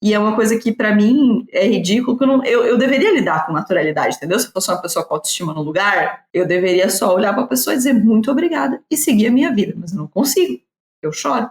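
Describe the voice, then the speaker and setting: Mid-pitched woman in a roomy space. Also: fast. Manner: reflective, agrees with short interjections. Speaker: podcast co-host. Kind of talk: casual chat.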